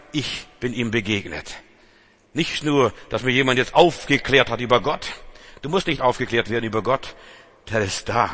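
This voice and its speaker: A man preaching a sermon, fervent and swinging between loud bursts and quiet lows, reading from the Bible. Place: church hall. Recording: long reverb of a church hall.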